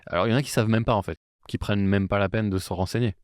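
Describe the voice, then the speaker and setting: Man, very deep voice, casual interview host, halting delivery, dry close sound. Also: fairly even intonation, no room sound. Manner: hesitant, many fillers and restarts. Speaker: podcast host.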